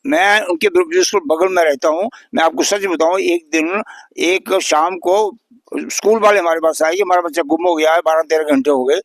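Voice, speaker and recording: An elderly man in his eighties speaks in a higher register than most men. His voice is dry and close, with almost no room sound. He talks earnestly and indignantly, pressing the same complaints again and again. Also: steady tone, moderate pace, dry recording. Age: 80s. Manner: earnest, indignant, repeats points for emphasis. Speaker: local resident interviewee. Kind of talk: news interview.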